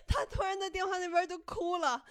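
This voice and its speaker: A woman's voice: very high-pitched, a little fast, no room sound, studio quality. A woman podcast host, telling a story in casual chat and laughing as she goes.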